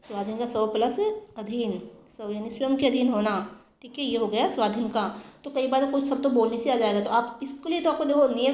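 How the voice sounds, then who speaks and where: A woman teacher going through exam grammar questions, repeating the answers slowly for students. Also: fairly high pitch, darkish tone, echoey room. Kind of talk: exam-prep grammar lesson.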